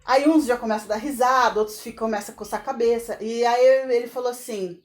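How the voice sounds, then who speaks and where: A middle-aged woman tells a story in a relaxed, conversational way. Her voice sits a little high, and it leaps up sharply when a moment gets dramatic. She often breaks off for quick laughing asides. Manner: animated retelling with sudden pitch jumps and laughing asides. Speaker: podcast host. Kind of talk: casual storytelling.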